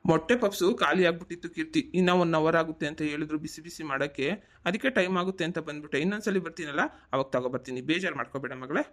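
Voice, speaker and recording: A man's voice: a little high, rapid-fire, a bit bright, lightly acted. A man voicing an affectionate village father home from the city, coaxing and fatherly. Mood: explaining. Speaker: cartoon voice actor. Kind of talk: cartoon voice acting.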